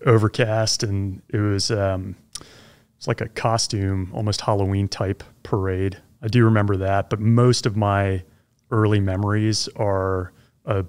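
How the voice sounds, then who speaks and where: Podcast guest, man in his 40s, low voice, lively anecdotes, studio mic. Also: unhurried, clear, resonant tone. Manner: chatty storyteller, upbeat, laughs easily. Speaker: guest, former helicopter pilot. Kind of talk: casual interview. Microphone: studio mic on boom arm, headphones.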